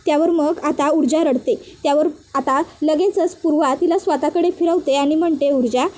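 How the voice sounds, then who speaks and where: A woman narrating a recap of a TV serial in a steady storytelling way. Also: sits high, normal speed, slight background noise. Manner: steady storytelling with linking phrases.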